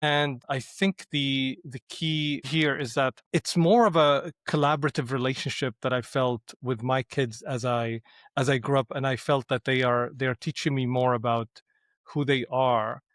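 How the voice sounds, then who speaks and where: A middle-aged Syrian man, a guest on a podcast, talks reflectively in a thoughtful, hesitant way, often restarting his sentences. His voice sits at a medium pitch with a steady, fairly bright tone at normal speed. The recording is studio quality with no room sound.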